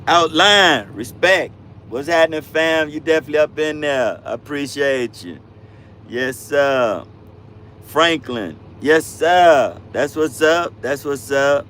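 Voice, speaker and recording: A man's voice: a little high, animated, slow pace, a bit bright, a little hiss or hum. A man in his fifties, a truck driver hosting a casual livestream, answering viewer comments and calling them bro and fam. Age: 50s. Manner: laid-back slang-heavy talk, calls viewers bro and fam.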